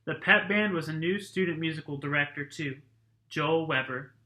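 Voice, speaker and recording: A teacher reads a chapter book aloud to his class in a plain, unhurried way. His voice sits a little high and sounds very bright, almost sharp. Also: echoey room, poor audio. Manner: plain, steady reading with a casual tone. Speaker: teacher reading a novel aloud to students. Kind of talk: reading a novel aloud.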